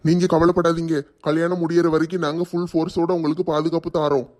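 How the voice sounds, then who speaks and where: A man acting in a homemade family skit, speaking in a quick, reassuring way. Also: fairly high pitch, little pitch movement, a little mellow.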